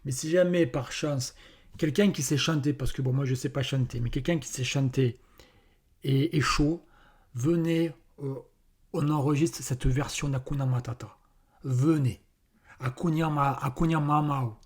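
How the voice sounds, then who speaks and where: A man's voice: mid-range voice, a little slow, a little mellow, slightly rough. A man hosting a comedy podcast alone, rambling casually with many fillers and plenty of swearing. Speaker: podcast host.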